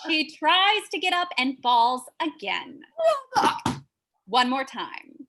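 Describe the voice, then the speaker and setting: A woman's voice: high-pitched, sing-song, slow pace, sharp tone, a little hiss or hum, poor audio. A woman reading out stage directions for an audio drama, matter-of-fact with wry asides. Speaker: narrator.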